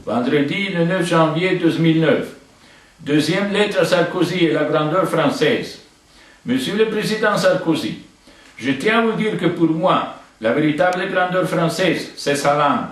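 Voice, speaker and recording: An older Italian-accented man, Italian his first language, reads an open letter for a video in a blunt, indignant tone. His voice sits on the high side, animated yet unhurried. The recording is echoey, and he's far from the mic.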